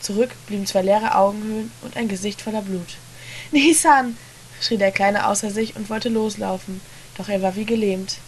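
A woman reading a story aloud in a hushed, dramatic narration. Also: mid-range voice, little pitch movement, fairly quick, slight background noise. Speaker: reader.

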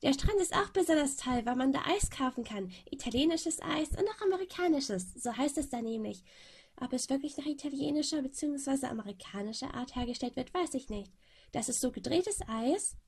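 A woman voicing an overexcited Polish teenage boy who rambles on and on, with a slightly husky voice. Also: high voice, lively intonation, fairly quick, darkish tone, pitched above the performer's own voice. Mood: rambling.

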